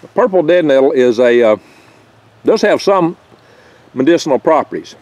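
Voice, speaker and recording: This older man's voice is a little high and a little mellow, animated, at a moderate pace, with no echo. Hosting a foraging vlog in his pine-tree garden, he rambles in a folksy, chatty way, cracking small jokes and stumbling, recorded by a close-held handheld camera mic.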